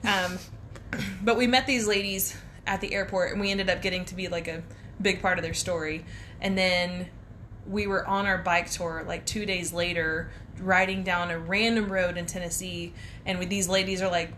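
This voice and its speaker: A woman's voice: fairly low pitch, steady tone, normal speed, fairly bright tone, slight background noise. A young woman co-hosting a podcast, telling travel stories in a rambling, casual way and laughing often. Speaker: podcast co-host. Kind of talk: casual storytelling chat.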